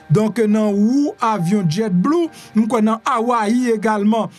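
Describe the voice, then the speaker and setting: With a Haitian accent and a high-pitched, somewhat dark voice, a man offers informal news commentary in Creole mixed with some French and English. He talks conversationally, repeating phrases and posing rhetorical questions while music plays in the background.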